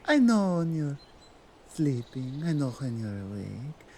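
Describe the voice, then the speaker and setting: A woman with a Nordic accent playing a dominant, stern yet coaxing Krampus in a slow, deliberate ASMR roleplay. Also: rumbling low, big pitch swings, a little mellow, a little hiss or hum, full character voice. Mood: coaxing, reassuring. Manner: deliberate, commanding, halting non-native phrasing.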